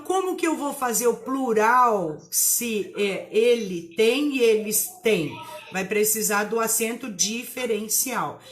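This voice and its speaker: A woman teaching a live online writing lesson, emphatic, spelling words out and asking rhetorical questions. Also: fairly high pitch.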